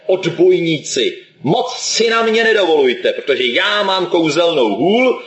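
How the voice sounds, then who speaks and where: A man's voice: fairly high pitch, lively intonation, fairly bright tone, roomy sound. A preacher voicing Moses as a boastful, then stammering old male prophet, quoted with mocking exaggeration.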